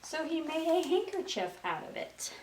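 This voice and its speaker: A woman storyteller reads aloud to young children in a sing-song manner, prompting them with questions. Her high-pitched voice is very animated at a moderate pace, picked up by a distant mic in a roomy space with faint noise.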